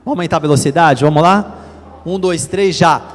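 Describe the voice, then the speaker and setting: A man's voice: on the high side, fairly quick, a little hiss or hum. A male Brazilian pastor preaching to a large church, energetically drilling the congregation in chanted repetition. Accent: Brazilian Portuguese. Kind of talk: sermon leading congregation call-and-response. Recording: church hall reverb, faint ambience.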